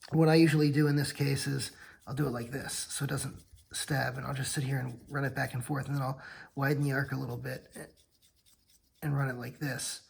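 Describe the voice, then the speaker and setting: This casual knife demo vlog features a sleepy man who yawns in the late hours and keeps rambling, then correcting himself. His husky mid-range voice carries vocal fry, and the audio is poor.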